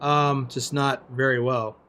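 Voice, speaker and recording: An older man streaming a trucking game, chatting casually in a relaxed, unhurried way as he greets viewers and answers their comments. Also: mid-range voice, clear, resonant tone. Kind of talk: casual live-stream commentary while playing.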